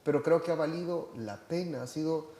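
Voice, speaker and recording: Salvadoran guy talking casually, kinda high voice, lots of uh and restarts, roomy echo. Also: a little fast, mellow. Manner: hesitant, many fillers and restarts. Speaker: church member reporting on a trip. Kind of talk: casual chat.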